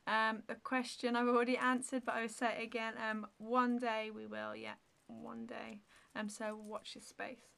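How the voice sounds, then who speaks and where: A woman in her thirties talks straight to the camera in a relaxed Q&A vlog, her voice sitting a little high. She rambles through viewer questions with plenty of ums and likes. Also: moderate pace, vocal fry, few pauses. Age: 30s. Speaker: beauty vlogger. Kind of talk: casual Q&A vlog.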